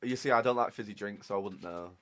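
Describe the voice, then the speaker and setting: A man's voice: lowish voice, fast, fairly bright tone, a little hiss or hum. A British man co-hosting a casual podcast, jokey and self-mocking. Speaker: podcast co-host. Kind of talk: casual chat.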